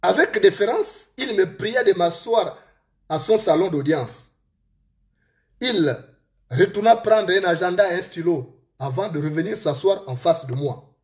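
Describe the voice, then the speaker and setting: Gabonese man telling a story lively. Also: sits high, unhurried, pauses often. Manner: lively storyteller addressing listeners directly. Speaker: author. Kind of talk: storytelling and reading from his book.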